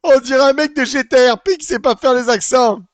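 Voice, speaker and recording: A man hosting comedic reaction commentary, mocking and excitable, swearing freely. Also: very high-pitched, a little fast, no echo. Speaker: host reacting to a video.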